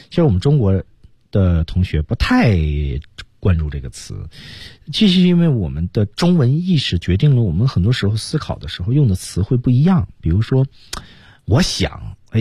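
Raspy low-voiced man explaining English. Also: mellow, no echo, studio quality. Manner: explanatory, emphatic swings between high and low. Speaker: English teacher on a radio lesson. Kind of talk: radio language lesson explanation.

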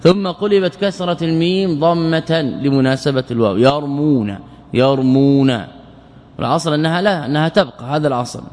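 A man teaching Arabic morphology in a lecture, repeating words slowly and asking and answering his own questions. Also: a little high, a little mellow. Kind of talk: classroom lecture explaining grammar. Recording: long hall reverb.

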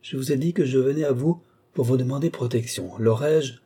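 A man's voice: medium pitch, brisk, warm tone, husky. A man reading the part of a proud, vengeful young woman in an audiobook, earnest and firm.

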